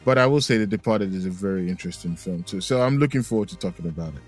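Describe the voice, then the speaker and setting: Low-voiced man, rambling podcast host. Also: fast talker, soft background music. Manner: rambling storytelling with fillers. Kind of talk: casual chat.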